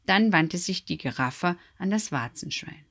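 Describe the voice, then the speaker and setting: Low-pitched woman reading a children's story. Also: animated, measured pace, fairly bright tone.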